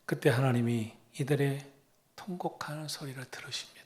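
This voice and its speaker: A man preaching as a pastor, retelling a story with dramatic pauses and often dropping to a breathy whisper. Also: mid-range voice. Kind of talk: sermon.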